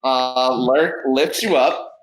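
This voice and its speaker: Man running a tabletop game, halting. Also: medium pitch, over a noisy crowd, rough recording. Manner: hesitant, many fillers, voices other figures in quick asides. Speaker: game master.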